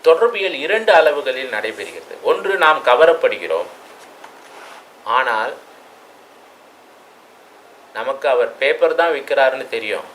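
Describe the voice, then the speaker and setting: A man lectures in a reflective way, tossing out rhetorical questions and now and then landing hard on a word. His voice is bright and forward. A faint ambient hum sits behind him. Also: medium pitch, sing-song, unhurried, long pauses, poor audio. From Tamil Nadu. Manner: reflective, with rhetorical questions and sudden loud stresses. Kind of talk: classroom lecture.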